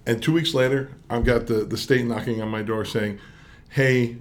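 A middle-aged man, a small business owner, telling stories in an animated, emphatic way as a guest. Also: mid-range voice, fairly quick. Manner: animated, emphatic retelling with quoted dialogue. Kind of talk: conversational storytelling.

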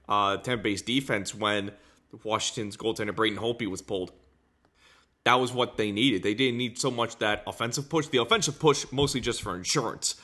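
A man giving unscripted hockey game analysis as a podcast host, halting and repeating himself as he searches for words. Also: on the low side, bright, forceful tone.

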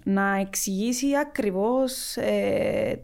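Creaky-voiced woman with a Cypriot Greek accent. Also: medium pitch, a little mellow. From Cyprus. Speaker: interview guest, linguist. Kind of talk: conversational interview answers.

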